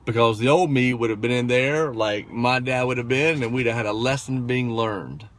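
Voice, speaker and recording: A man's voice: mid-range voice, normal speed, fairly bright tone. A man in his thirties talking casually to camera, telling a story with many fillers and "right?" tag questions. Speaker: motivational vlogger.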